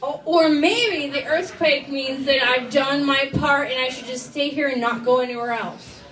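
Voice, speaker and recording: A woman's voice: sits high, moderate pace. A drunk woman doing a rambling stand-up comedy set, talking loosely and swearing. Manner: loud, tipsy, rambling with lots of "like" and swearing. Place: comedy club stage. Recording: roomy club sound from a distance.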